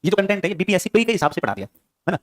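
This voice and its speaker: Male teacher, high voice, very fast classroom lecture, dry close sound. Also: sing-song, no echo. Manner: quizzes students with rapid questions.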